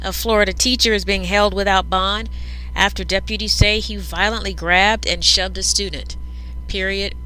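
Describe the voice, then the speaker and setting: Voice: medium pitch, fairly even intonation, normal speed, pushed and bright, slight background noise, rough recording. A news reader dictating a script aloud, speaking each punctuation mark and paragraph break between the sentences.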